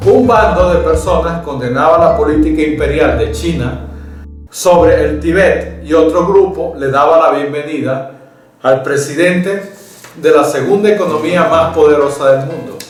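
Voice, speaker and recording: A man presenting a weekly news summary, reading in a steady, measured way with small slips. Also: a little high, far from the mic. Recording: very echoey room, voice from afar, faint guitar.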